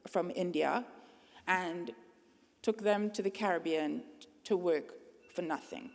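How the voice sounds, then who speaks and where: A middle-aged woman delivers an earnest, measured commencement address at a podium. Her voice carries a gravelly edge and sits at an ordinary pitch. The sound rings out with the long reverb of a large convocation hall. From Trinidad and Tobago. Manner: earnest, measured, speaking to a crowd. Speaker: convocation speaker.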